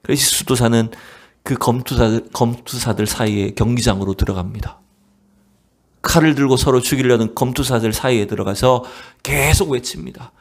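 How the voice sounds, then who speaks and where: A man preaching a sermon as pastor of a church. He tells a story dramatically, asks the congregation rhetorical questions, and swings between raised exclamations and hushed near-whispers. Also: mid-range voice, moderate pace. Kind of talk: Wednesday evening sermon. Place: church sanctuary.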